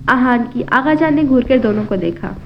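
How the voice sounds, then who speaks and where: Woman narrator, fairly high voice, steady storytelling delivery. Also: a little fast, creaky, slight background noise. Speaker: novel narrator. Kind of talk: scripted audio novel narration. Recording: slightly dull lo-fi audio.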